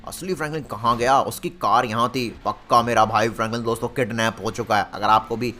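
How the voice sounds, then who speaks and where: A man's voice: mid-range voice, fairly even intonation, brisk, sharp tone, slight background noise. A young man narrating a video game story dramatically, speaking directly to his viewers and asking them to comment. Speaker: gaming YouTuber. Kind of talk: excited gameplay narration.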